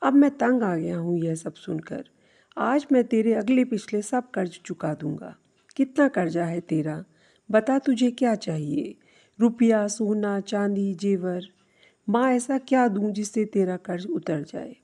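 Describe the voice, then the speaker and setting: A woman voicing a quick-tempered grown son who complains irritably in a storybook tale. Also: medium pitch, expressive, vocal fry, mellow. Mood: irritated.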